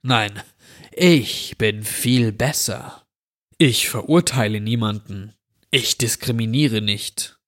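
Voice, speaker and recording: Man voicing a slow, drawling sinister stranger. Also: on the low side, a bit bright. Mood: mocking. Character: sinister drawling man, dirty, menacing wish-granter. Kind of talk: horror story reading.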